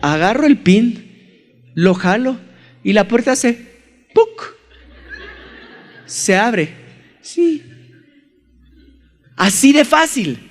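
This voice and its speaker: Young male preacher, high voice, animated storyteller, church hall echo. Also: takes it slowly, long pauses. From Colombia. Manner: animated storyteller acting out scenes. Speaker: pastor. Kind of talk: sermon with humorous personal story.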